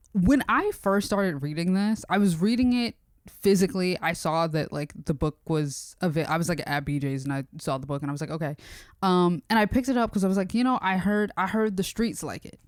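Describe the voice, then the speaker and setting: A young woman with a fairly low voice chats casually about her reading, full of fillers and slang, and acts out her own reactions with energy. The sound is dry and close, with no room around it. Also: normal speed, no room sound. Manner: casual, chatty, many fillers, slangy and animated when retelling. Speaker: book vlogger. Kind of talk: casual chat.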